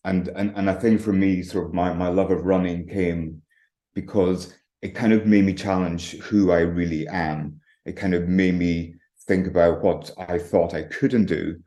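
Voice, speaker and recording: A middle-aged man from the Highlands of Scotland with a Highland accent, chatting informally and loosely as an interview guest. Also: steady tone, measured pace, dark tone. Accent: Scottish Highland. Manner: informal, hedging, conversational. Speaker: interview guest, retired professor. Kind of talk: casual interview talk. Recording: roomy, echoey sound.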